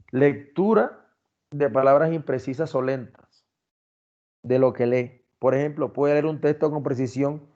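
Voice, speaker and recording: A man's voice: mid-range voice, warm tone. A man giving a recorded class lecture, explaining criteria step by step and addressing his students directly. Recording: dull lo-fi sound.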